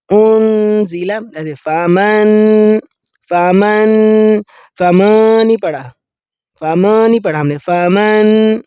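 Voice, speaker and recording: Male recitation teacher, high and smooth, brisk explainer who slows into a drawn-out chant; dull, dry close-mic sound. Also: a little mellow, no room sound. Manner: explains rules quickly, then recites verses slowly in a drawn-out melodic chant. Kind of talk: tajweed lesson.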